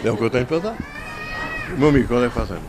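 Speaking into a handheld microphone under a covered tent in a town square, an older children's author, 60 or above, tells stories to schoolchildren in a European Portuguese accent. His medium-pitched voice is slightly hoarse, animated and very fast. He stays conversational and instructive, often repeating a phrase so it sticks.

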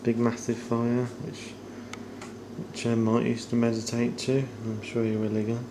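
A middle-aged man gives a casual, low-key house tour off the cuff, walking through indoor rooms while holding a camera at arm's length. He speaks in a monotone at an unhurried pace, and the handheld camera audio is noisy.

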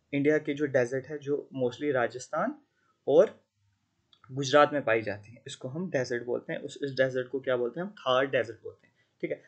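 Man, exam-prep teacher, conversational lecture, mid pitch. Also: highs cut off. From Jammu and Kashmir. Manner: conversational Hindi teaching with English terms, frequent checking questions.

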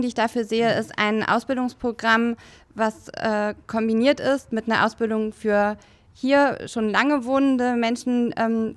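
Measured woman introducing herself. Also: a little high. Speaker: integration course coordinator. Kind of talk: workshop self-introduction. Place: bright office meeting room. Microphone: handheld mic.

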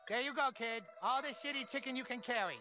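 Super high squawky cartoon restaurant man, excitable broken english, music behind. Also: brisk, heavily acted. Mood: eager, brash. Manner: broken English, caricatured foreign speech. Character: middle-aged male restaurant owner, excitable, foul-mouthed cartoon character. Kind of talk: cartoon game acting.

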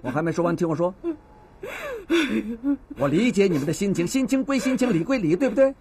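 A man's voice: high voice, fairly quick, darkish tone, lightly acted. An actor in his fifties playing a patient, fatherly neighborhood police officer with a Beijing accent, lecturing and mediating a quarrel in a TV drama. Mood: coaxing. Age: 50s. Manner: patient, lecturing mediator who scolds and coaxes. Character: seasoned middle-aged male beat cop, stern yet fatherly. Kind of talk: TV drama acting.

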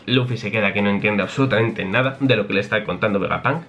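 A man's voice: fairly low pitch, quick pace, fairly bright tone, faint music behind. A man reading a manga chapter aloud on his channel and commenting as he goes, thinking aloud. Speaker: manga reaction youtuber.

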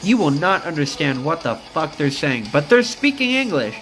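A man's voice: fairly high pitch, sing-song, moderate pace, fairly bright tone, rough recording. A man chatting on a game stream, rambling and cursing as he answers his chat. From United States. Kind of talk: casual live-stream chat while gaming. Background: music.

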